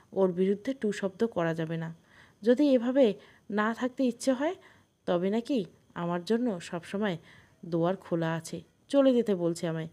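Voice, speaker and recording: A woman's voice: medium pitch, dark tone, natural voice. A woman voicing an aging mother-in-law in a storybook, who scolds sharply and then pleads through tears.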